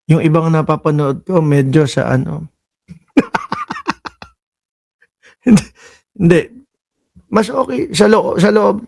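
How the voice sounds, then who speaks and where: A man from the Philippines hosts political reaction commentary in a fairly high voice. He is sarcastic and animated, scolding the people in the clips. He also reads viewer comments aloud. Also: slow, creaky, pauses often.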